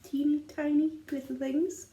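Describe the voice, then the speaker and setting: A woman's voice: high-pitched, steady tone, a little slow, dark tone, reverberant. A middle-aged woman, a mother chatting casually in an easygoing, rambling way as co-host. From Liverpool, England. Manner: rambling, easygoing, filler-heavy. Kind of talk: casual chat.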